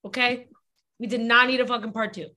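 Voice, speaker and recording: A woman's voice: on the high side, fairly even intonation, a little fast, bright, forceful tone. A woman co-hosting a podcast in casual chat, emphatic and swearing freely. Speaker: podcast co-host.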